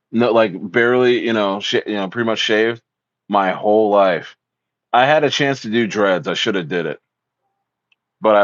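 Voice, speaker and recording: A man's voice: deep voice, a bit bright, no room sound. A man from South Jersey hosting a casual livestream, reading viewer comments and hyping things up in slangy, repetitive talk. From South Jersey, USA. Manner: hyped, repetitive slangy talk with lots of "bro". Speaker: livestream host. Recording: dull lo-fi dry audio.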